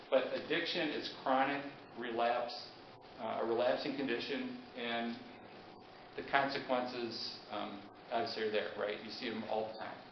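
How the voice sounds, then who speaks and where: A pharmacist giving an informal public lecture, chatty and often checking in with the audience. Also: male voice, mid-range voice. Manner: chatty, asks the audience questions. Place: meeting room with an audience. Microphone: handheld mic. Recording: echoey, dull, noisy room recording.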